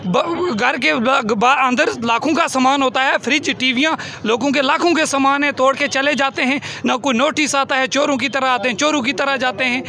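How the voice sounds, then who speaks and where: Speaking to a reporter amid a crowd and passing traffic at a roadside protest tent, a young man delivers an impassioned, pleading speech and repeats himself for emphasis. His very high voice sounds pushed and bright, moving at a moderate pace with hardly any pauses.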